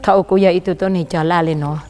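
A male pastor preaching a sermon outdoors by a riverside, his voice often jumping higher and louder for emphasis. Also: fairly even intonation, rapid-fire.

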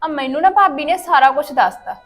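A bold, sharp-tongued young daughter, played by a woman, speaking. Her voice is high and cutting. Soft music sits under the scene. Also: brisk.

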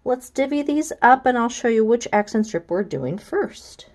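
A woman's voice: on the high side, animated, moderate pace, darkish tone. A friendly American woman talks through a quilting block step by step, chatty and enthusiastic. She speaks in a casual teaching tone, pointing things out as she goes. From United States. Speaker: quilting instructor. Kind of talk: casual how-to walkthrough.

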